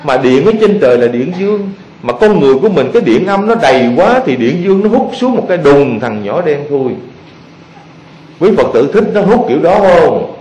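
A man, a Buddhist monk, preaching to his followers in a lively storytelling manner and often asking the audience questions. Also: high voice, fairly quick, hardly any pauses. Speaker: Buddhist monk giving a dharma talk. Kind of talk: sermon to lay followers. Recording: echoey hall.

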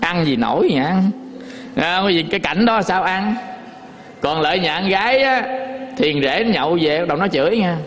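A Buddhist monk delivers a homely sermon, often turning to his listeners with questions. His voice sits high for a man. The sound rings out with a long reverb, as in a large hall. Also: animated, moderate pace, fairly bright tone. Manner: folksy storytelling with rhetorical questions to the audience. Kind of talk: dharma talk sermon.

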